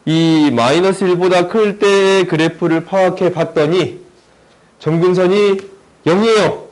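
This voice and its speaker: A man teaching a recorded math lesson in a chatty, joking way, checking in with his students through constant quick questions as he works through a graph problem. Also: high voice, steady tone, darkish tone, low-quality recording. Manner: jokey, chatty, asks students lots of tag questions.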